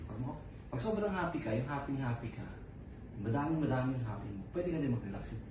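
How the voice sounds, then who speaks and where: A man talking softly and soothingly as a father comforting his child in a hospital room. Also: mid-range voice, lively intonation, a little fast. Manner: soft, soothing, coaxing. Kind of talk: casual family vlog. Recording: echoey room, mic far off, clear background noise.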